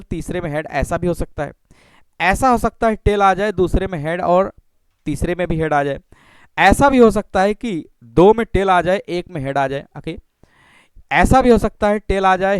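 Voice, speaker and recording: A man teaching a maths lesson. He explains slowly, repeats himself and keeps checking in with "okay" and rhetorical questions. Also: sits high, clear, resonant tone, no room sound. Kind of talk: classroom lecture.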